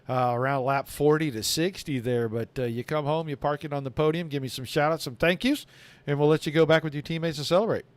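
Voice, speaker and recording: A man's voice: a little high, no room sound. A man calling the finish of an online stock car race and then interviewing drivers as the host. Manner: fast, excitable play-by-play. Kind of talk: excited race commentary.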